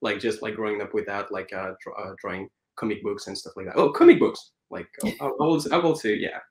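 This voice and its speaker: Brief: thirties man, French accent, lowish voice, halting and filler-heavy, roomy echo. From France. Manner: hesitant, many fillers and restarts. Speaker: guest animator. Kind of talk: casual interview chat.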